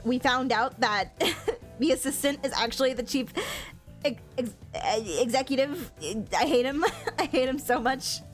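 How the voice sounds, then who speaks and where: A woman's voice: high-pitched, a little slow. A woman chatting casually with viewers on a game livestream in a cute, bubbly anime-streamer manner. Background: video game music.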